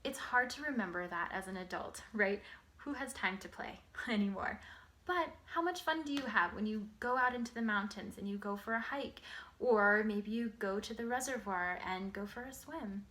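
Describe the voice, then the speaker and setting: A woman speaks as an early literacy educator addressing parents. Her voice sits at a middle pitch for a woman. She explains in simple, clearly laid-out phrases, as in an instructional talk. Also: moderate pace, pushed and bright.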